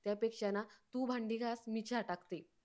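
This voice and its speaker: A woman's voice: a little high, steady tone, moderate pace, a little mellow, close to an everyday voice. A woman voicing a cheeky, work-shy young woman in a retold story.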